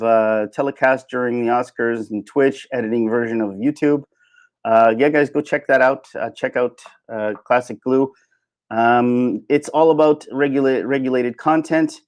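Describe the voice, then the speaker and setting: This livestream host has a medium-pitched, fairly level voice and talks at a normal speed. Ranting off the cuff while responding to chat, he wanders through his points and hammers them home by repeating himself. There's no echo; the sound is dry.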